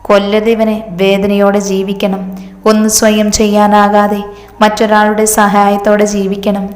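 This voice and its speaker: A woman's voice: mid-range voice, completely flat delivery, normal speed, echoey room, big-room sound, natural voice. A woman voicing a stern young man who deals out punishment in a cold, commanding way, in a storybook reading.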